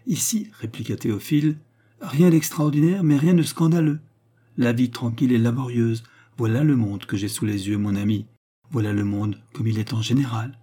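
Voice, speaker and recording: A man reading aloud as an earnest young man with a gentle, moralizing manner, in a slightly raised, measured voice. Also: mid-range voice, lightly acted. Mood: calm. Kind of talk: audiobook character reading.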